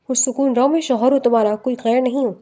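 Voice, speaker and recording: A woman voicing an anguished young husband who pleads urgently, in a high voice. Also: steady tone, mellow, lightly acted. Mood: pleading.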